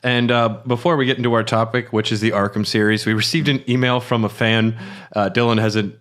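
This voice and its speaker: A man's voice: medium pitch, fairly even intonation, brisk, fairly bright tone. A man hosting a podcast in a casual chat, laughing often and reading listener mail aloud. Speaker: podcast host.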